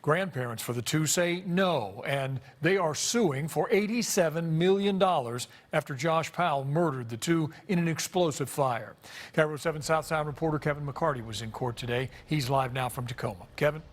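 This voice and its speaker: Higher-pitched male news anchor. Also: normal speed. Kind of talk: scripted news reading.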